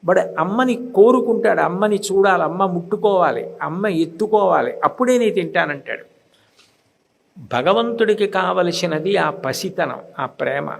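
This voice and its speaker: Older man, devotional sermon, higher-pitched voice, chants verses, acts out the voices he quotes. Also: animated, normal speed, gravelly. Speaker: religious discourse speaker.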